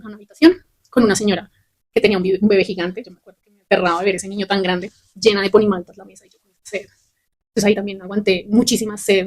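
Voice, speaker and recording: A young adult woman, a podcast host telling a personal story candidly and with animation. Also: mid-range voice. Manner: candid, fast and animated, swears casually.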